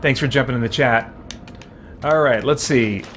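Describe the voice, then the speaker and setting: Playing a game on a livestream with headphones on and game music behind him, a man chats casually with viewers in a rambling, playful, self-deprecating way. His mid-range voice is a bit bright and moderately paced, with slight background noise.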